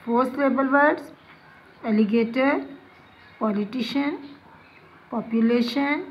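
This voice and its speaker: A woman teacher reads a textbook lesson aloud to pupils, pronouncing English words slowly and deliberately. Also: on the high side. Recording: slightly dull lo-fi sound with faint ambience.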